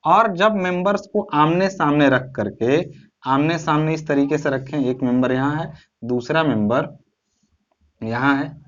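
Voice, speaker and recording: A man's voice: a little high, a little slow. Man teaching step by step, lo-fi sound. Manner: explains step by step, asks and answers his own questions; keeps checking in with tag phrases. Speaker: civil engineering teacher. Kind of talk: recorded online lecture.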